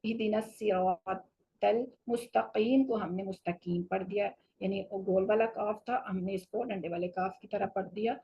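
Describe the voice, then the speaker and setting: Husky woman teaching Quran recitation. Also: mid-range voice, steady tone, warm tone, dull audio. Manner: patient, explanatory, slows for recited examples. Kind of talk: tajweed lesson.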